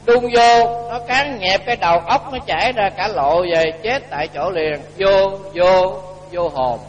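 High-voiced monk telling a lively sermon story. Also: male voice, moderate pace, muffled recording. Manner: lively storyteller, acts out dialogue with rising and falling volume. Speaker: Buddhist monk giving a dharma talk. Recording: echoey hall with faint hum.

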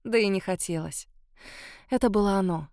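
A woman reading a first-person novel aloud as an expressive audiobook narrator. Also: medium pitch, moderate pace. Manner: lively, expressive storytelling.

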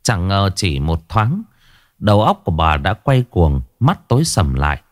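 A man's voice: low-pitched, big pitch swings, unhurried, no room sound, studio quality. A man narrating a horror story in a dramatic, ominous way.

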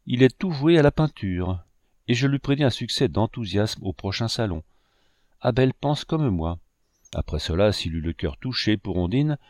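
A man reading aloud, voicing a calm, measured older painter who speaks like a father to his students. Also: lowish voice, dry recording, clean studio sound, close to an everyday voice. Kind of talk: audiobook reading.

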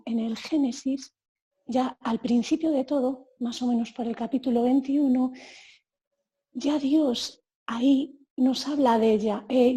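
A woman's voice: sits high, dark tone, breathy edge. A woman from Galicia, Spain, an organist and choir director, talking fluently as a guest in a casual interview.

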